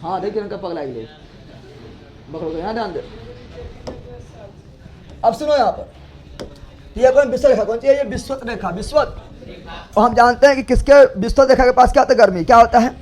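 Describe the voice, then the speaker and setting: A man's voice: very high voice, brisk, pauses often. A male teacher giving a geography lesson, drilling students with repeated questions and joking scolds.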